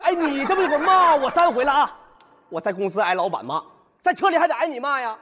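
A man's voice: very high voice, big pitch swings, fast talker, sharp tone, big-room sound, exaggerated voice. A man playing a hapless, exasperated driver, complaining animatedly in a comedy sketch. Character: exasperated, hapless driver arguing with talking navigation. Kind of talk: comedy sketch stage acting.

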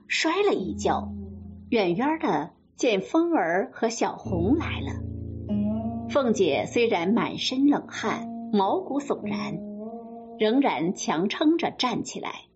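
Slow, lively female storyteller. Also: fairly high pitch. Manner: slow, lively, expressive narration. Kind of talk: storytelling of a classic novel. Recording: dull lo-fi sound with faint music.

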